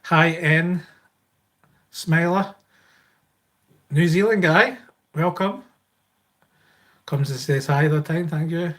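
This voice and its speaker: A man's voice: a little high, takes it slowly, long pauses, fairly bright tone. A man with a Scottish accent chatting casually and informally as a livestream host, rambling as he answers viewers. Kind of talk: casual live Q&A chat, reading and answering viewer comments.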